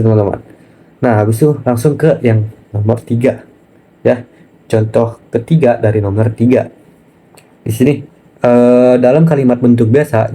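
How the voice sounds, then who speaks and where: Man, casual online language teacher, chatty, lots of fillers, warm mellow tone, mid pitch. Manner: chatty, keeps saying "nah" and addressing viewers as friends.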